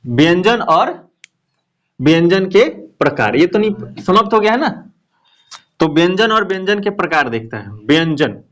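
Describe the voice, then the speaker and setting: A man's voice: sits high, very animated, moderate pace, a bit bright. A man teaching a Hindi grammar lesson, asking questions and answering them himself, with lots of repetition. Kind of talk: classroom lesson explaining grammar.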